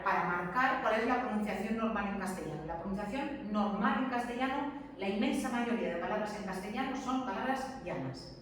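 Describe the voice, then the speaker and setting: A woman teacher lectures her class from the front of a large, echoey classroom, and the long reverb makes her sound far from the mic. Her voice sits a little high. She explains step by step, repeats key points and keeps asking the students questions, with a faint hum of the room behind her. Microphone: distant camera mic.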